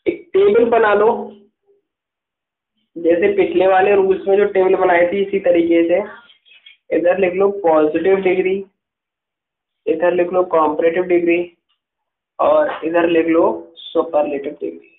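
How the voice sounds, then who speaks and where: High-voiced male teacher, echoey tinny sound. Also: little pitch movement. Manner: patient, repeats "ठीक है" and dictates slowly. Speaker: English teacher. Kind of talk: classroom grammar lesson dictating notes. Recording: echoey room over tinny phone-like line.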